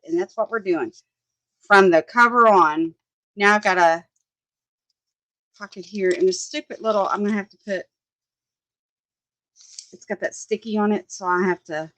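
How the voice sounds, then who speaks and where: A chatty woman talks casually while she works on a craft project. Her voice sits at an ordinary middle pitch, and the sound is dry and close, with little room echo. She rambles, thinks aloud and often breaks into laughter. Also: a bit bright. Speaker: crafting livestream host.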